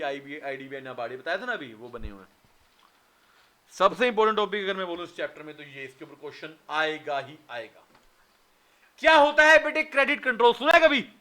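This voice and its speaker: A man's voice: high-pitched, bright, forceful tone. A man in his thirties teaching an exam revision lecture, firing questions at his students and answering them himself, with Indian-accented English words.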